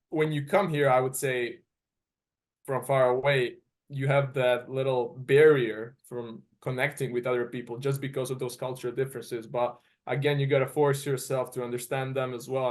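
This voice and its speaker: A Serbian man in his twenties, a native speaker of Serbian, answers interview questions as a guest college tennis player. His mid-range voice holds a level tone at a moderate pace, and he speaks earnestly, often restarting while he hunts for words.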